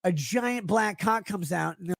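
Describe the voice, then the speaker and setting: Husky, drunk man rambling on a stream. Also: high-pitched, lively intonation, a little slow, dry recording, clean studio sound. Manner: rambling, profane, slurred tangents. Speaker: livestreamer. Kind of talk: rambling livestream rant.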